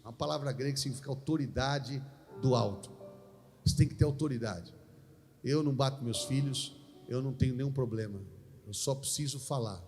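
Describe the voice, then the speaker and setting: A man preaching a lively sermon, telling stories and acting out the dialogue. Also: medium pitch, a little fast, big-room sound, music in the background. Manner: animated storytelling, acts out dialogue.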